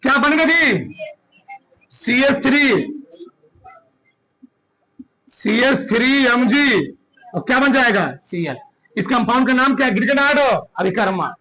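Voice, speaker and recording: High, bright-voiced male teacher quizzing students. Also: lively intonation, low-quality recording. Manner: quizzing students with rapid questions. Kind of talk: classroom chemistry lesson. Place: classroom.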